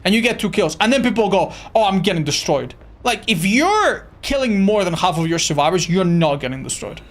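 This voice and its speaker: A man streaming a video game, chatting casually with his viewers in a slightly raspy, tired voice, animated and swearing freely. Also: high-pitched. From Andorra. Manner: animated, swearing, answers chat while playing. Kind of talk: casual live-stream chat.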